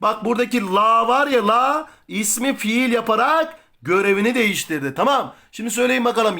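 Male teacher, very high voice, bright and gravelly, energetic, drilling questions. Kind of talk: exam-prep grammar lesson.

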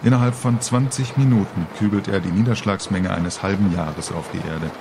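This middle-aged author reads his scripted humorous tale at normal speed, his low voice showing vocal fry against a noisy background. The audiobook-style telling is wry and colourful.

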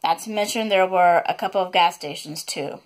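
Lowish-voiced woman reading her novel aloud. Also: a little fast. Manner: reads plainly, stops to apologize for slips and add asides.

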